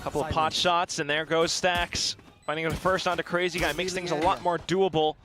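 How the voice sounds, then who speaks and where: A high-pitched male esports caster calling live play-by-play. He is excitable and dramatic in his delivery, with game gunfire behind his voice. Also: moderate pace, music in the background.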